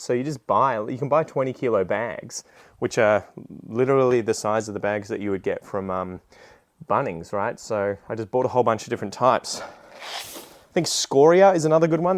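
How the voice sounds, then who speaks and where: A man's voice: medium pitch, no echo, clean studio sound. An Australian man chatting casually while demonstrating a task, in a rambling, self-deprecating, slangy way. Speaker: gardening video creator.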